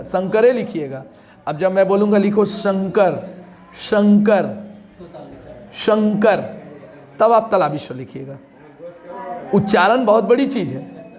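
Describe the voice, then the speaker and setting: A man's voice: sits high, a little mellow. A man teaching an exam-prep class, explaining points with questions and everyday examples.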